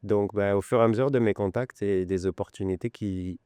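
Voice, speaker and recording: A French man in his forties with a Lyon accent speaks as a podcast guest, pausing often as he tells his story. His voice is deep, dark and mellow. It is clear and smooth, recorded close and dry in a studio. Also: no room sound. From France. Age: 40s. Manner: unhurried, hesitant storytelling. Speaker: podcast guest, luxury goods broker. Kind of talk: conversational interview.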